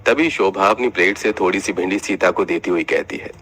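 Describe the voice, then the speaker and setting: Male narrator, lowish voice, scripted cartoon story narration, steady. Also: brisk.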